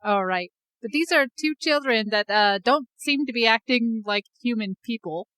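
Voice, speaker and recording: Wry, bright-voiced woman podcaster. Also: fairly high pitch, normal speed. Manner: wry, joking, argumentative. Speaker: podcast co-host. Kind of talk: casual chat.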